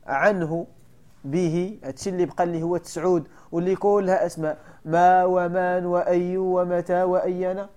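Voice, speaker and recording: Teaching a classical text in class, a Moroccan-accented sheikh keeps testing his students with questions and restating the main points. His voice is high with a dark tone.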